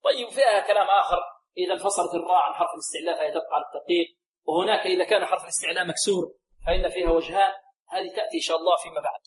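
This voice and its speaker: High-voiced man teaching Quran recitation. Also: rapid-fire, slight background noise, low-quality recording. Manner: explains rules, asks pupils questions and gives the answers. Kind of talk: tajweed lesson with call and response. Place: radio lesson.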